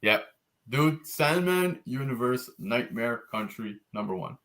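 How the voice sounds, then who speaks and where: A man's voice: medium pitch, lively intonation, measured pace, fairly bright tone. A man hosting a casual comics podcast, talking enthusiastically about covers with lots of fillers. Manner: laid-back, enthusiastic, frequent fillers. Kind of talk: casual chat.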